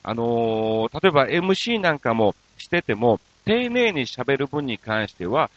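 Radio host, male, Kansai accent slipping into standard speech, playful self-mocking banter, very animated pitch, dry dull studio sound. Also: measured pace, no echo. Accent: Kansai mixed with standard Tokyo speech. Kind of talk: casual radio talk reading listener mail.

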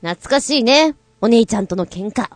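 A woman's voice: a little high, normal speed, no room sound. A woman co-hosting a show in casual chat, telling stories playfully with giggles and exaggerated voices for quoted lines. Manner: animated, playful storytelling with giggles. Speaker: radio show co-host.

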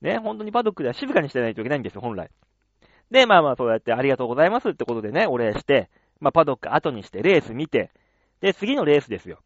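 A man's voice: mid-range voice, big pitch swings, racing, no echo, lo-fi sound. A man hosting a radio show, chatting and telling stories in a self-mocking way. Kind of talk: casual chat monologue.

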